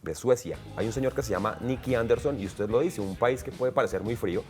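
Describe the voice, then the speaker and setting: A man presenting a music segment on TV in a brisk, informative way. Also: mid-range voice, darkish tone.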